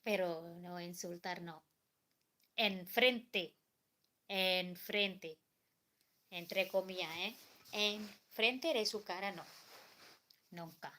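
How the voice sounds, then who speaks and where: A woman from Indonesia speaking Spanish as a second language with an Indonesian accent, chatting casually on her live stream, repeating phrases and filling pauses with "eh". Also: medium pitch, pushed and bright. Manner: repeats phrases, many "eh" fillers, simple non-native Spanish. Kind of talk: casual live stream chat about culture.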